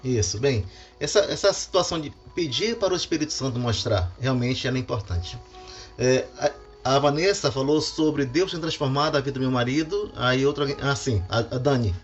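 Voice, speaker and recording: A man's voice: medium pitch, fairly quick. A middle-aged Brazilian pastor, a man, giving a devotional talk on family and acting out quoted lines. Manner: animated, acts out quoted lines. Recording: dull lo-fi with faint music.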